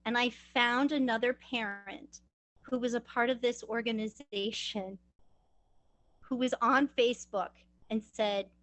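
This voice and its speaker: A mother telling her story at an advocacy training, emotional and halting, with restarts and pauses. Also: a little high, no room sound, rough recording. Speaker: parent giving testimony. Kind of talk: personal testimony at an advocacy training.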